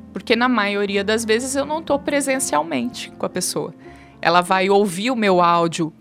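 A woman in her thirties with a Brazilian accent, a guest explaining communication on a talk show and acting out quoted lines. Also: mid-range voice. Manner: animated, acts out quoted speech. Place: studio talk show with three people.

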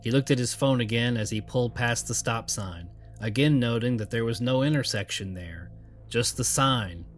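A man narrates a creepy story in a steady, measured way. His voice sits at an ordinary middle pitch. Faint music plays beneath him. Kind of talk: scripted narration.

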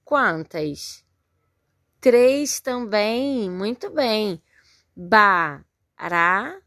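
A Brazilian woman teaches young children, taking her time and breaking each word into careful syllables. She speaks slowly and keeps praising the class. Her voice is close and dry, with no room sound. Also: medium pitch, big pitch swings, no echo. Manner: patient, spells words out syllable by syllable, frequent praise. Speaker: primary school teacher. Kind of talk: recorded remote lesson for young children.

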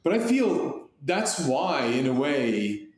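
A man born in Hong Kong, co-hosting a podcast, telling stories in a rambling, animated way with many restarts. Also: a little high, slow pace. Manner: rambling, animated storytelling with frequent restarts and laughs. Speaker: podcast co-host. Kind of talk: casual conversation. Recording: echoey room sound.

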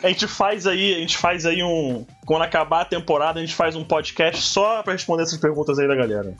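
Higher-voiced Brazilian man chatting on a podcast. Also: a little fast, fairly bright tone, highs cut off. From Brazil, born in Rio de Janeiro, raised in southern California from three to eleven. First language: Portuguese, schooled and literate first in English. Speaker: podcast co-host. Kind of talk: casual podcast chat.

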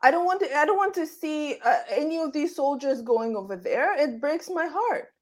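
A woman's voice: sits high, animated, a little fast. A woman from Belarus debating politics in a heated, insistent way, repeating phrases for emphasis. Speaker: panelist.

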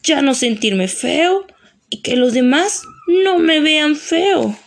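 A woman voicing a big, green, sad male ogre who speaks timidly and softly in a children's audio story. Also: high voice, expressive, takes it slowly, voice pushed up, heavily acted.

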